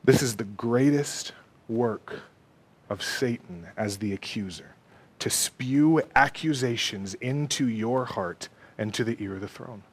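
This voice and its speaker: A man's voice: medium pitch, unhurried, husky. A man preaching a sermon emphatically, asking rhetorical questions and checking in with "okay?".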